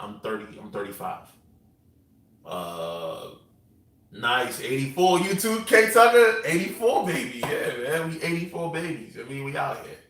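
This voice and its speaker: A man, hosting a vlog and answering viewer questions in a relaxed, rambling way with lots of fillers. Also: medium pitch, recorded from a distance. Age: 30s. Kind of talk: casual live-chat answers. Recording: roomy echo, voice away from the mic.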